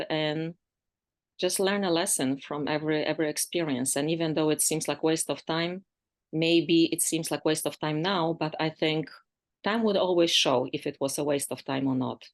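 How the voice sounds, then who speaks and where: A woman in her sixties with a Polish accent, her voice sitting on the lower side. She talks as a podcast guest, reflective and philosophical, pausing on fillers and restarting her sentences. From Poland. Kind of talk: reflective interview conversation.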